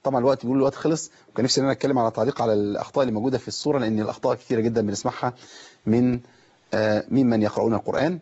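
A man's voice: mid-range voice, steady tone, racing, mellow, breathy edge, lo-fi sound. A man with an Egyptian accent giving a televised lesson on pronouncing Quranic letters, explaining step by step and quizzing his viewers. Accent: Egyptian Arabic. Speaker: Quran recitation teacher.

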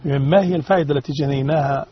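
A man's voice: on the high side, very fast, crowd noise. A man on a religious discussion panel, arguing emphatically, repeating his points and posing rhetorical questions. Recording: dull radio-like sound.

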